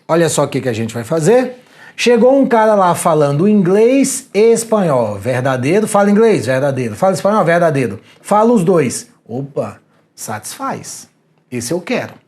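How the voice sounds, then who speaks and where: Male exam prep teacher, Brazilian accent, animated and slangy delivery, very lively melody. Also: on the high side, normal speed. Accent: Brazilian Portuguese. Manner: animated, slangy, talks straight to the viewer. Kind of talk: energetic video lecture.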